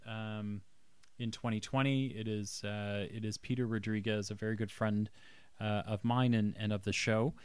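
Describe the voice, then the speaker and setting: Guy hosting a podcast, lowish voice, casual and halting, pretty dry sound. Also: smooth, no room sound. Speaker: podcast host.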